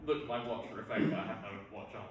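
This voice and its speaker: A man teaching barbershop song parts to an audience, unhurried, singing example notes between his explanations. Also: mid-range voice, steady tone, noisy background. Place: hall with an audience. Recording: echoey hall, distant mic.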